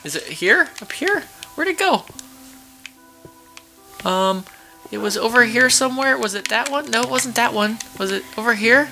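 A man's voice: extremely high pitch, fairly quick, gravelly, music in the background. A man casually commentating a video game he plays with his child, chatty and exclaiming as he thinks aloud. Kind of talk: casual let's-play commentary.

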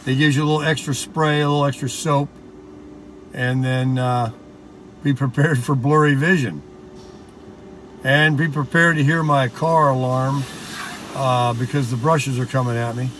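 Speaking at medium pitch and a moderate pace, with long pauses and a somewhat bright, steady tone, an American man chats casually to the camera. He rambles conversationally as he explains things, moving between a car and an outdoor parking lot, where background noise from both comes through clearly.

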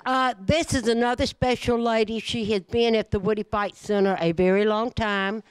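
With a clear, resonant voice on the high side, this older senior center host keeps a steady tone and a moderate pace. She's doing casual emcee patter on a handheld mic in a big community hall, folksy and friendly, addressing people as honey.

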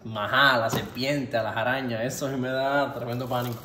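This twenty-something cooking vlogger talks briskly with a Cuban accent, his medium-pitched voice keeping a fairly even intonation. The casual Q&A has an informal, playful feel, captured in a home kitchen that echoes, with a little background noise.

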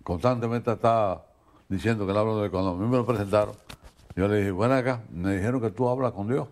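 An older man answering interview questions in a relaxed way and telling short anecdotes. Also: lowish voice, brisk.

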